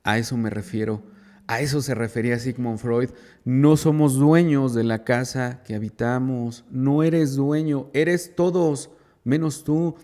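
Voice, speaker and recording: A man's voice: mid-range voice, steady tone, a little slow, warm tone. A man, a psychologist giving an informal radio talk to a group, who often repeats and restarts phrases, asks emphatic rhetorical questions and checks in with his listeners. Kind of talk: informal lecture to a recovery group.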